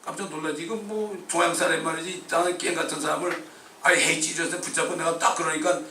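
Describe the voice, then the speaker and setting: A male pastor preaching a sermon in a fervent style, breaking into sudden shouts. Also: a little high, steady tone, fast talker, slight background noise. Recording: echoey church hall, distant mic.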